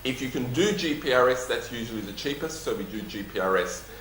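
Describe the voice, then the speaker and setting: A man with a slight lisp fields audience questions at a live talk. He is emphatic and dryly humorous, in a medium-pitched voice. The room echoes around him and there is faint noise behind. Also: lively intonation, a little fast, a bit bright. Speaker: company executive presenting and taking audience questions. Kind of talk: public talk with question-and-answer session. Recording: roomy echo, faint background noise.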